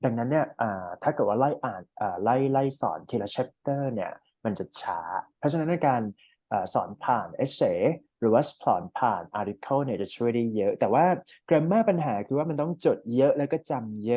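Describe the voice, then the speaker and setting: A young Thai man tutoring English one-on-one, explaining patiently and modeling slow, careful English reading. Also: mid-range voice, mellow. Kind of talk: one-on-one online IELTS lesson.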